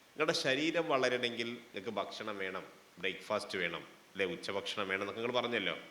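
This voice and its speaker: With a fairly low, sharp-toned voice and a slightly quick pace, a man with a Malabar Malayalam accent opens a college fest as guest speaker. He keeps things interactive, asking the audience questions and cracking jokes. The hall sounds roomy, with faint background noise.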